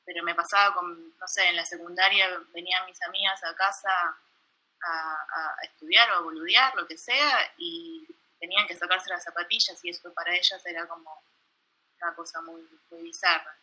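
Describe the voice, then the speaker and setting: A young woman with a Buenos Aires accent, a documentary filmmaker giving an informal, self-deprecating talk over a video call, halting with many restarts. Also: on the low side, fairly even intonation, bright, forceful tone, low-quality recording. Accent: Buenos Aires Spanish. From Buenos Aires, Argentina. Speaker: documentary filmmaker presenting her work.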